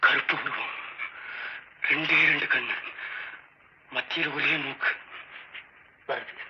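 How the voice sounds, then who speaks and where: An actor playing an excitable, boastful young would-be film director, talking in a shrill, theatrical way. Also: male voice, slow, heavy background noise, natural voice. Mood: hushed, spooky. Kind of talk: vintage film comedy acting. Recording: muffled old film soundtrack.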